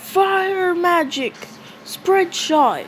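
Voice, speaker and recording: A woman's voice: very high voice, animated, extremely slow, a bit bright, a little hiss or hum, voice pushed up, exaggerated voice. A woman voicing a boisterous young male magic comrade with brash, bossy calls.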